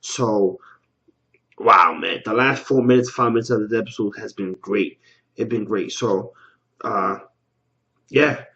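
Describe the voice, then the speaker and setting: A man's voice: fairly low pitch, measured pace, long pauses, sharp tone. Rambling man on a dull lo-fi recording. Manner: rambling, stumbling and repeating himself; loose and slangy, swears casually. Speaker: TV episode reaction vlogger. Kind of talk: casual spoken episode recap.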